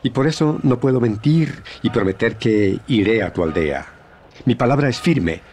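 An actor playing a noble, fearless, serene hero in a radio adventure serial, solemn and declamatory. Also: male voice, mid-range voice, lively intonation, normal speed, a little mellow, close to an everyday voice. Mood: tender, solemn.

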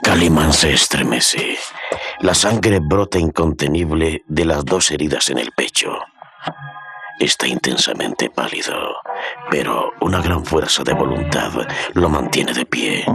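Male radio serial narrator, very low creaky voice, dramatic scripted delivery over music. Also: unhurried, fairly bright tone.

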